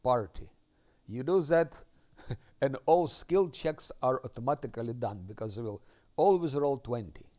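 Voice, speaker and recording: Slow-talking male streamer chatting casually. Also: mid-range voice, lively intonation, mellow. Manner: unhurried, thinking aloud, chuckles often. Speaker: game streamer. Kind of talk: casual live-stream chat while playing.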